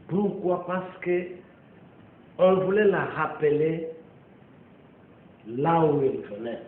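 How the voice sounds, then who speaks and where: A man preaching a sermon, slow and emphatic, with long pauses and repeated amens. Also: on the high side, a little hiss or hum. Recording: echoey, tinny lo-fi phone-like recording.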